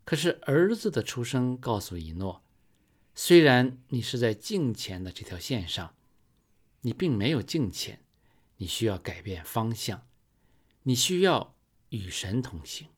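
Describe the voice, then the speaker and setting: A man preaching a sermon in a slow, measured storytelling manner, rising for emphasis. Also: mid-range voice, very animated, husky.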